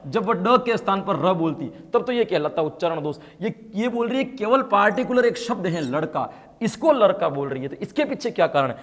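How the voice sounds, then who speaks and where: A man from India teaching an online exam-prep class. He explains by asking questions and then answering them himself, and he gets louder on the key points. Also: sits high, animated, a little fast, long reverb tail. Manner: explains by asking and answering his own questions, with frequent tag questions; grows louder and more emphatic when stressing key points.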